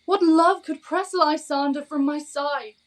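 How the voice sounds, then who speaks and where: A woman's voice: sits high, fairly even intonation, a little slow. An actress playing a devoted, bewildered young woman in a Shakespearean audio drama, speaking verse earnestly and pleadingly.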